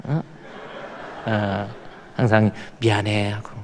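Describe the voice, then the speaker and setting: Man, pastor, sermon, folksy storytelling, calls on the congregation, medium pitch, long church reverb. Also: moderate pace, a little hiss or hum. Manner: folksy storytelling, quotes others, coaxes congregation to respond. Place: church sanctuary.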